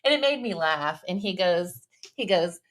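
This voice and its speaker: Woman, forties, lower voice, business owner, casual interview guest, laughs often, acts out quotes. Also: lively intonation, moderate pace, fairly bright tone. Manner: chatty storyteller who laughs often and acts out her own quotes.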